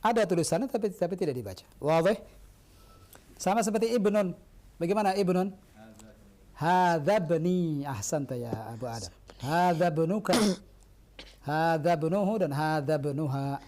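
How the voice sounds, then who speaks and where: A man's voice: a little high, animated, fairly quick, mellow. A man teaching an Arabic lesson on radio, patiently correcting students with short affirmations.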